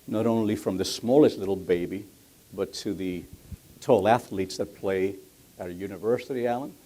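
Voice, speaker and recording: A middle-aged or older man with a Cuban accent, answering interview questions before an audience in a halting way, repeating words as he goes. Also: fairly low pitch, warm tone. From Cuba. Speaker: business leader, guest speaker. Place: on stage at a luncheon event.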